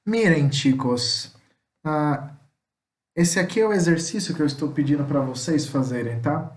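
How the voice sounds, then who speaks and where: Brazilian male teacher in an echoey room. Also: fairly high pitch. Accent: Brazilian Portuguese. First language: Portuguese. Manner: repeats words slowly, checks in with "tá?". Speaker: Spanish teacher. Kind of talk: recorded vocabulary lesson.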